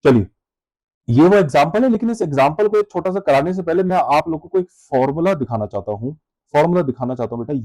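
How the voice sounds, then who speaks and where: A man's voice: on the high side, warm tone, no room sound, low-quality recording. A man teaching an exam-prep lecture, talking to his students in a direct, insistent way.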